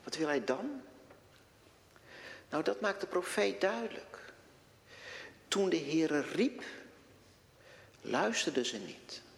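A man preaching a sermon in a church, slow and deliberate, posing rhetorical questions to his congregation. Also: high-pitched, sing-song, gravelly. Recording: long reverb of a church hall.

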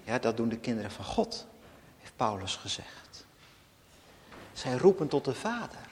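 Man preaching slowly in a reverberant church. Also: mid-range voice, very animated, a little mellow, a little hiss or hum. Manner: solemn preaching with swelling emphasis and dropped whispers. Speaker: pastor. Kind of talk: sermon. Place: church hall.

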